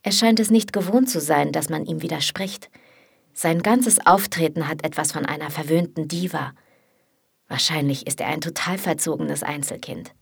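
A woman narrating a first-person audiobook in an intimate, matter-of-fact tone. Her voice is low, with a gravelly, husky edge. It is recorded close with no room sound. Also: moderate pace, no echo.

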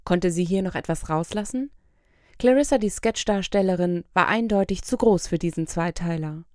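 A woman narrating an audiobook in a calm, measured reading voice, recorded close to the mic. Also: fairly low pitch, dry recording. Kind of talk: scripted narration.

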